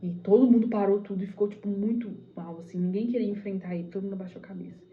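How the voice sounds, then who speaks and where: Animated young Brazilian woman telling a testimony. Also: mid-range voice, racing, narrow, tinny audio. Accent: Brazilian Portuguese. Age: 20s. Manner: animated, breathless retelling full of "tipo assim" fillers. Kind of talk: personal testimony storytelling.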